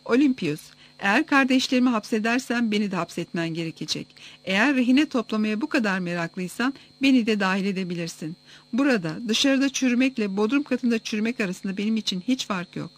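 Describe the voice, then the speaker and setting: A reader voicing a woman scholar who speaks calmly and with measured defiance in an audiobook. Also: mid-range voice, lightly acted. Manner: calm, measured. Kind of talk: audiobook reading.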